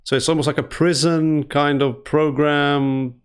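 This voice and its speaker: A man's voice: on the high side, flat delivery, unhurried, clean tone. A man in his forties interviewing a guest over a video call, asking probing follow-up questions. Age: 40s. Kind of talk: remote interview.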